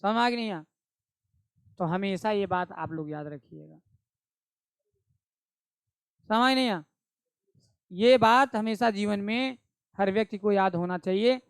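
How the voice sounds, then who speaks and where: A man's voice: sits high, slow, long pauses, clear, resonant tone, dry recording. A man teaching Hindi poetry, explaining each verse line by line and asking rhetorical questions.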